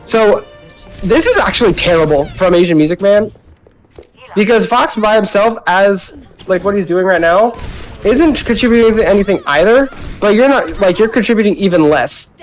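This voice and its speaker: A man's voice: high-pitched, expressive, faint music behind. Man on a clipping, distorted mic. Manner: quick, casual, chatty calls. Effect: peaking mic with clipping distortion. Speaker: esports caster. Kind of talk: live play-by-play commentary.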